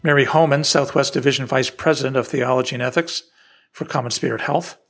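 Gravelly-voiced male podcast host. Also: medium pitch, fairly quick, faint music behind. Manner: reads steady prepared lines and questions. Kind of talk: scripted podcast introduction.

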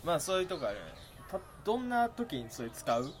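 A man's voice: sits high, sing-song, quick pace, slight background noise. A young man with a Kansai accent chatting casually and playfully, laughing often. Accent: Kansai Japanese. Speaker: conversation partner. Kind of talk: casual chat.

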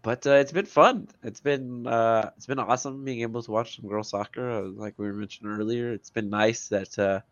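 A man's voice: mid-range voice, steady tone, moderate pace, hardly any pauses, dry recording, muffled recording. A man with a congested, stuffy nose from allergies, chatting casually about sports as a podcast co-host. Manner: stuffy-nosed, nasal. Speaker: podcast co-host, soccer coach.

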